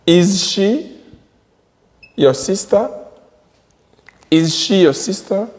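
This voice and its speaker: Man, English teacher, very slow drilling delivery, somewhat high voice, long room reverb. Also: expressive. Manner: drills words by repeating them slowly. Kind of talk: slow classroom explanation at a board.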